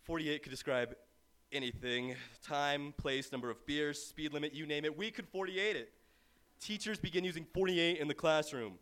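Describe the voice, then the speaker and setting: A man's voice: fairly high pitch, normal speed, a bit bright. A young man from southern Arizona performing a comic slam poem on a live stage with a wry storytelling rhythm. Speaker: slam poet. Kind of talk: performance poetry.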